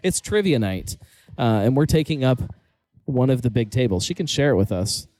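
Mellow male podcast host, rambling and jokey. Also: medium pitch, sing-song, moderate pace, no room sound, low-quality recording. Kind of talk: casual chat. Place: table in the corner of a brewery tap room.

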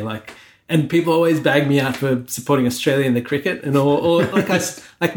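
A middle-aged man from Sri Lanka co-hosting a casual podcast, talking earnestly and reflectively through a list. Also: mid-range voice. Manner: earnest, reflective, lists things one by one. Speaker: podcast co-host.

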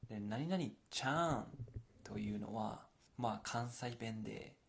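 A man's voice: on the low side, takes it slowly, gravelly, slightly rough. A man with a Kansai accent teaching his dialect to learners, explaining step by step and adding English glosses. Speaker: language teacher.

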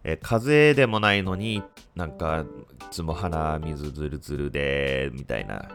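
A man in his thirties with a congested, stuffy-nosed voice, chatting casually on his own as a podcast host, with frequent pauses. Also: extremely low pitch, animated, fairly bright tone, faint music behind. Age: 30s.

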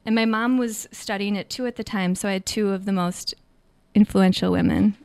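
A woman's voice: mid-range voice, steady tone, normal speed, vocal fry, a little mellow, dry recording. A young woman with a Minnesota accent, a guest artist talking casually in an interview, chatty and laughing often, with lots of fillers.

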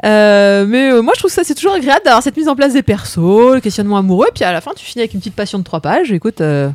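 Animated Parisian woman reviewing manga. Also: on the high side, rapid-fire, no echo, studio quality. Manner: lively, laughing, many fillers. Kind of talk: casual panel chat.

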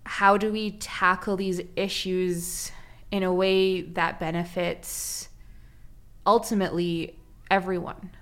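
A woman answering interview questions about her education project in an earnest, measured way. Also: fairly low pitch, flat delivery, fairly bright tone, clean tone.

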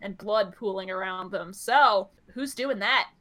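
A woman's voice: mid-range voice, unhurried, fairly bright tone. A woman co-hosting a podcast, thinking aloud about a TV episode in casual chat, full of "like" and "I was like". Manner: thinks aloud, theorizing with many "like" fillers. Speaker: podcast co-host.

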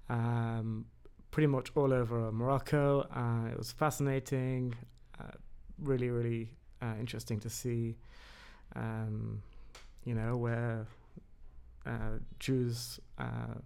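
Gravelly man, halting with many fillers. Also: medium pitch, level tone, a little mellow. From England. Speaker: podcast guest. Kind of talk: casual conversation.

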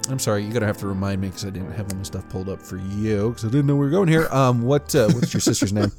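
Male game master, low pitch, narrating tabletop fantasy scenes over faint music. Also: fairly even intonation, fast, darkish tone.

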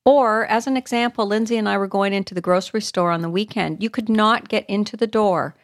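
Animated woman co-host, dry close mic. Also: mid-range voice, fairly quick, no echo. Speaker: podcast co-host. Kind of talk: casual chat.

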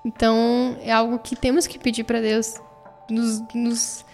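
A woman's voice: fairly high pitch, monotone, measured pace. A woman telling a personal faith testimony in an earnest, emotional way. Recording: long reverb, soft music behind.

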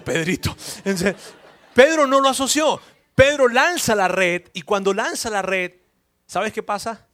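Male preacher, fervent storyteller, higher-pitched, repeats words for emphasis. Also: fairly bright tone. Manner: emotional storytelling, repeats words, asks listeners questions. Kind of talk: sermon.

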